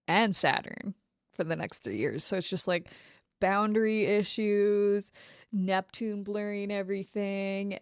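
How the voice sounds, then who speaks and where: A woman's voice: mid-range voice, no room sound, clean studio sound. A woman co-hosting a casual podcast, reading tarot card meanings aloud and chatting, often laughing, over a remote call. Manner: laughs often, reads aloud then chats. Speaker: podcast co-host. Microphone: remote call recording.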